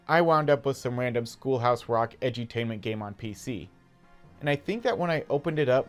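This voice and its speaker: Casting: conversational American male storyteller, 30s, medium pitch, nostalgic gaming narration over light background music. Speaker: video game YouTuber. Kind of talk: casual personal storytelling voice-over.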